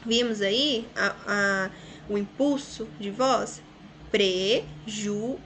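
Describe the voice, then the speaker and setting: A Brazilian woman teacher explains a lesson patiently, one step at a time. She often checks in with short tag questions, and her voice sits a little high. Faint ambient noise sits behind her. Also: slow pace, fairly bright tone. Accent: Brazilian Portuguese. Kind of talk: recorded online school lesson.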